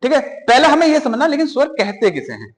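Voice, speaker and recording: A man's voice: very high voice, wildly swooping pitch, quick pace, long reverb tail, poor audio. A man teaching an exam-prep grammar lesson, asking questions and answering them himself, repeating key points.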